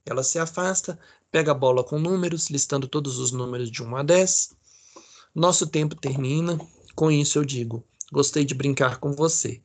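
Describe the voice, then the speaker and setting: Chatty Brazilian male teacher, higher voice. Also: moderate pace. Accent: Brazilian Portuguese. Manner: casual, many fillers, checks in with students. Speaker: psychology lecturer. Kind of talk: online class reading a case aloud.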